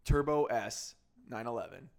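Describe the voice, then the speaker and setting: A man hosting a podcast, chatting casually about cars, self-deprecating and quick to laugh. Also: mid-range voice, gravelly. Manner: self-deprecating, laughs often, animated asides. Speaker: podcast host. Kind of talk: casual car chat.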